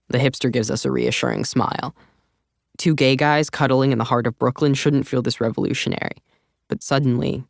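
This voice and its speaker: Gravelly male audiobook narrator, wry. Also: medium pitch, no room sound, clean studio sound. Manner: casual, wry, confiding. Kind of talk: first-person audiobook narration.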